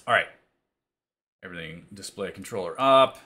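A man's voice: sits low, expressive, normal speed, bright, forceful tone. A man hosting a live coding stream, thinking aloud as he debugs, muttering to himself and answering viewer chat.

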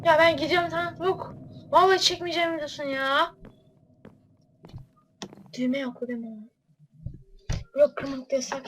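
A high-pitched woman chatting through a horror game as a let's player. She is excitable and jokey and swears casually, with a faint hiss of noise under her voice. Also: a little slow, long pauses, rough recording. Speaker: let's play gamer. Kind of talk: casual gaming commentary.

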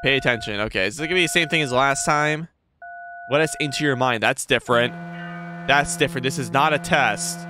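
A young adult man with a mid-range voice talks fairly quickly over background noise, recording on a close desk mic with a headset on in a small indoor gaming room. As a gaming video host, he reacts to a horror game with casual, sweary slang, jumpy and exclaiming.

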